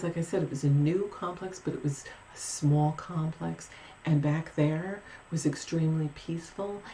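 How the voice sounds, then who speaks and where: A woman's voice: low-pitched, dark tone, a little hiss or hum, low-quality recording. A woman telling a paranormal story in a casual, rambling vlog with many restarts and asides. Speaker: paranormal vlogger.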